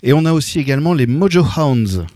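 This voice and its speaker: A man's voice: on the high side, animated, brisk, mellow, dry recording, studio quality. A man hosting an interview in a conversational style, prompting his guest and presenting practical event information. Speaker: interviewer, host.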